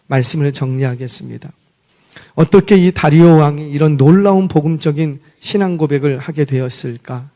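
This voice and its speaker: Male pastor, revival sermon, lively high voice, rhetorical questions and shouting. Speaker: senior pastor. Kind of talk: Friday night revival sermon. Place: church service.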